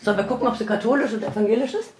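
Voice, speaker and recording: A woman with a fairly high pitch races through her words, narrating and chatting casually on location in the role of a hotel chambermaid guiding a project. There's faint background noise in the recording.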